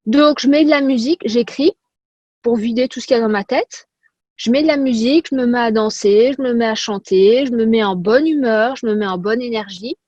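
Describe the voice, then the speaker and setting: Energetic French-speaking woman coach, dry sound. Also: on the high side, brisk, no room sound, highs cut off. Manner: energetic, repetitive, rhetorical questions. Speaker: personal development coach. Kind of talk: motivational talk to camera.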